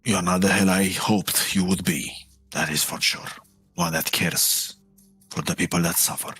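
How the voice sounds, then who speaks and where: A man playing a proud, strong-willed warrior in a tabletop game, arguing earnestly in a husky voice. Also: sits low, fairly even intonation, normal speed, a bit bright, no room sound, soft background music, heavily acted. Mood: defiant.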